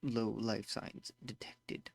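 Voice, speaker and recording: Heavily acting the part, a man plays a broken robot whose clipped machine speech glitches, stutters and loops words in a glitching monotone. His fairly low voice barely moves in pitch, and he speaks slowly with vocal fry and a slightly mellow quality.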